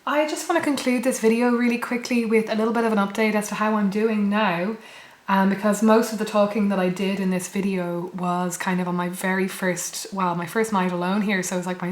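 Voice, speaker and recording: A young woman with a hoarse, partly lost voice, chatting reflectively and hesitantly in a rambling personal vlog recorded indoors. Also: mid-range voice, flat delivery, fairly quick, roomy sound. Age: young adult. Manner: reflective, hesitant, self-correcting. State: hoarse from losing her voice. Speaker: student vlogger. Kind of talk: casual rambling vlog chat. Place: indoors in a flat.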